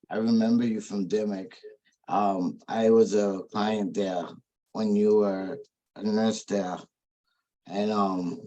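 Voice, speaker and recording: A man, a former treatment client, giving a heartfelt, emotional testimony in a halting, rambling way, with many "you know what I mean" asides. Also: lowish voice, a little mellow, muffled recording. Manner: emotional, sincere.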